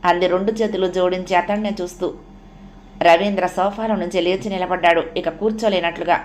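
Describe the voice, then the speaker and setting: A woman reading a novel aloud as an audiobook narrator, in steady scripted narration. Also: lowish voice, a little fast, slight background noise.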